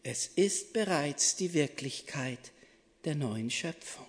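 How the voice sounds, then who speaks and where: A preacher giving a devotional sermon, playful, swinging between excited exclaims and hushed, soft asides. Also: medium pitch, slow pace, big-room sound.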